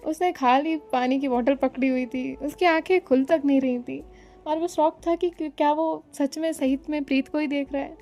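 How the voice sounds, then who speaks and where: High, mellow-voiced woman narrating a story. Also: normal speed. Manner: reads every character's lines in her own voice, calm and even.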